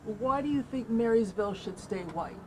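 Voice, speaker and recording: A woman's voice: on the high side, moderate pace, dark tone, slight background noise. A woman hosting a talk show, pressing her guest with probing questions and frequent restarts. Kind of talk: interviewing a guest.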